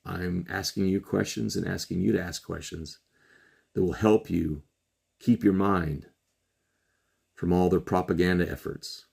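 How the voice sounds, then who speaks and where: A middle-aged man hosting a solo commentary show, urging listeners earnestly with slow, emphatic pauses. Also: low voice, gravelly, a little mellow, slightly rough. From Trinidad and Tobago. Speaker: podcast host.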